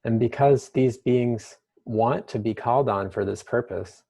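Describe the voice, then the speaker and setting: A man leading a guided meditation with the slow, hushed delivery of a mystical healer. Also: medium pitch, creaky.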